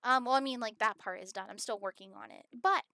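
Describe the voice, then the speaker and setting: A woman live-streaming a game, chatting casually and rambling with many fillers, sometimes bursting into excited squealing greetings to her chat. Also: a little high, quick pace, vocal fry, dry recording, clean studio sound.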